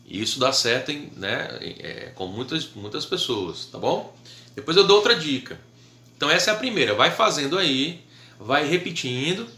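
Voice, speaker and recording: Bright-voiced Brazilian harmonica teacher. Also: male voice, a little high, very animated, moderate pace, reverberant, a little hiss or hum. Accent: Brazilian Portuguese. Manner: patient, checks in with "tá?" and "né?" often. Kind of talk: casual video lesson.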